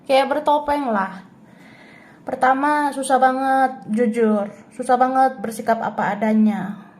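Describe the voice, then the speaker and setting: A woman's voice: sits high, a little slow, darkish tone. A woman doing a casual tarot reading who chats freely, laughs often and speaks the other person's thoughts in the first person. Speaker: tarot reader.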